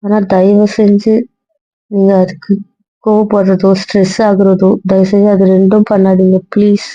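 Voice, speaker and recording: A woman's voice: medium pitch, completely flat delivery, normal speed, mellow, dry recording, lightly acted. Young woman as guilt-ridden, pleading wife, dry, muffled lo-fi audio-drama role-play. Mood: fearful. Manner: pleading, repeating apologies. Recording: dull lo-fi recording, dry.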